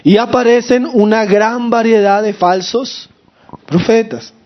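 A man's voice: high-pitched, fairly even intonation, measured pace, muffled recording. A male pastor preaching a sermon with a sore throat, asking the congregation questions and calling them brothers.

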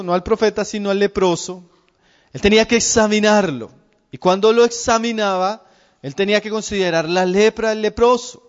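A man preaching a sermon, earnest, slowing right down to stress the verses he quotes and calling his listeners brothers. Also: high-pitched. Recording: dull reverberant hall sound.

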